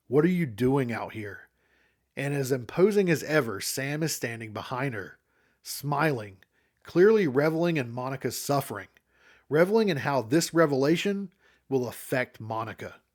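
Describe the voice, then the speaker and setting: A man delivers a scripted comic book recap in a measured, analytical manner. His voice sits at a middle pitch, steady and clear in tone.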